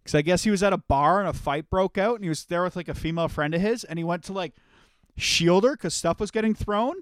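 A man's voice: high voice, quick pace, clean tone, dry recording, clean studio sound. A young man co-hosting a podcast, telling stories in loose, profane casual chat and laughing often. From Canada. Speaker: podcast co-host.

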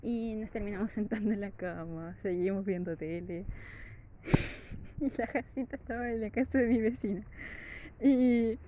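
A woman with a Chilean accent casually telling a story to camera, laughing often in a lively, chatty way. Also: mid-range voice, moderate pace, slight background noise. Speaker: vlogger.

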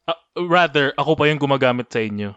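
A man's voice: mid-range voice, lively intonation, brisk, a bit bright, smooth, dry recording. A young man in a casual podcast chat, throwing in teasing, wry questions. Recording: dull, muffled mic.

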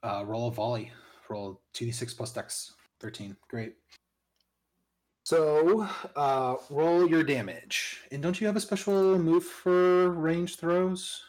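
A man's voice: fairly high pitch, slow, darkish tone. A man running a tabletop game as game master, narrating in a casual way and prompting the players with questions.

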